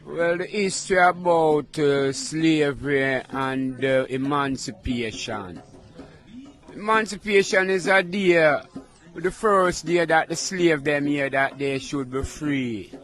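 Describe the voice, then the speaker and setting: A man's voice: a little high, fairly even intonation, slow pace, fairly bright tone, faint music behind. A man from Jamaica with a Jamaican accent, giving informal oral history in Rasta speech. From Trench Town, Jamaica. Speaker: interviewee.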